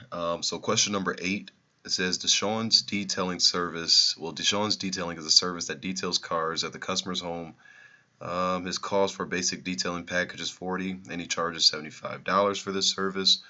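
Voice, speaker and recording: A man's voice: low voice, steady tone, moderate pace, sharp tone, highs cut off. A man who is losing his voice, explaining exam problems in a recorded review lesson and repeating the key numbers.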